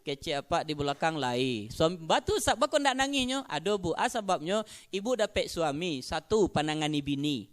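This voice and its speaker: A man's voice: a little high, very animated, normal speed. A man with a Minangkabau accent preaching a sermon, often addressing and teasing the congregation. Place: mosque gathering.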